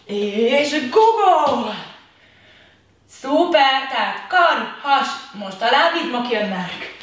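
A woman with a fairly high voice leads a children's exercise class, calling out lively commands to the kids. She is heard from a distance in a very echoey room. Faint background noise sits under her voice. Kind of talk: leading a kids' workout video.

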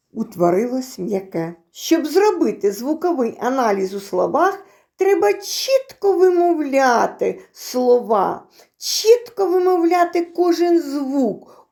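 Slow sing-song woman teaching preschoolers. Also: sits high, dark tone. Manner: slow, sing-song and exaggerated for small children. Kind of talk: children's phonics lesson.

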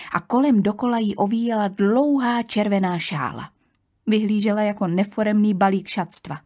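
Calm woman narrating a storybook. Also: mid-range voice, slightly rough. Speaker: audiobook narrator. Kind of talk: scripted audiobook narration.

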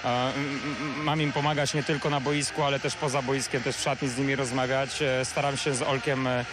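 A man's voice: medium pitch, level tone, fairly quick. A young man, a basketball player, answering a post-match interview at a handheld mic, with many hesitant filler sounds. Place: courtside interview wall in an arena. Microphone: handheld reporter mic.

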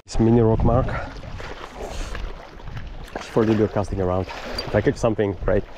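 Outdoors on seaside rocks, a vlogger in his forties fishes and talks casually to the camera, chuckling between remarks. He speaks on the low side with fairly even intonation at a normal pace; the action camera, worn on his chest and handheld, also picks up wind and water.

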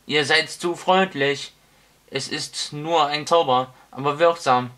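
A man voicing an ancient, toothless male wizard in an audiobook, booming, rambling and giggly. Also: takes it slowly, fairly bright tone. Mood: jovial. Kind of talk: audiobook character voice.

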